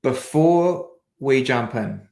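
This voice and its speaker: A New Zealand man, a sales coach, runs an upbeat, structured webinar over video call, walking through his agenda. His mid-range voice is animated yet slow-paced, creaky and a little mellow. The room audio is echoey.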